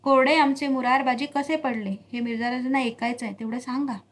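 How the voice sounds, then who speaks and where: A woman's voice: sits high, steady tone, brisk. Woman reading as a proud, commanding warrior king. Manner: firm, dignified, commanding.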